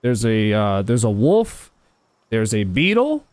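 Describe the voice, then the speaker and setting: A man's voice: fairly low pitch, sing-song, takes it slowly, a little mellow, dry recording. A man hosting a live gaming stream, chatting casually with viewers, often repeating and restarting his words. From United States. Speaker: livestream host.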